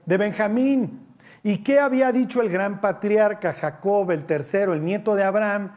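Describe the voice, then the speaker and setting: A man's voice: high voice, moderate pace. A man preaching a sermon, asking his listeners questions and acting out the voices he quotes. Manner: animated, asks the congregation questions and acts out quoted voices.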